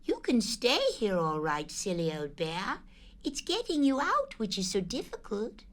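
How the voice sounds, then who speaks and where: A woman's voice: mid-range voice, big pitch swings, a little slow, pitched above the performer's own voice. A woman voicing a kind young boy in a storybook reading, speaking in a fond, matter-of-fact way. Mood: kindly.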